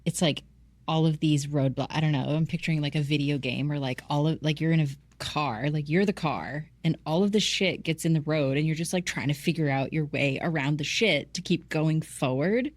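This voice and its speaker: Female podcast talker: low register, dry sound, casual, earnest, emphatic, sweary. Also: fairly quick, no room sound. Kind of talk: casual chat.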